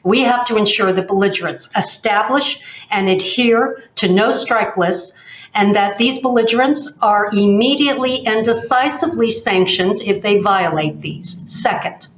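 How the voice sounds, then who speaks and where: A woman speaking as head of a peace institute, delivering a measured, emphatic prepared speech over a video call. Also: medium pitch, slight background noise. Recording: echoey room, slightly dull sound.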